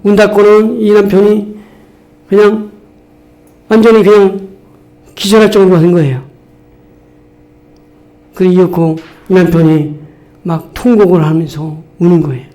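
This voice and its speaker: A male pastor delivering a sermon to his congregation, telling a story and rising to loud, emphatic exhortations. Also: high voice, fairly even intonation, unhurried, pauses often.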